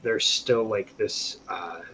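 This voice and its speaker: A man running a tabletop game as game master, narrating in a relaxed, halting way full of fillers. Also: fairly low pitch, a little hiss or hum, poor audio.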